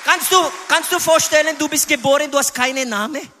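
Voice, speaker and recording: A man in his fifties from the Philippines with a Filipino accent, preaching a sermon with emphatic, high exclamations. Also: brisk, long reverb tail, crowd noise, background noise. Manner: emphatic preaching, sudden high exclamations, sprinkles English phrases. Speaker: pastor.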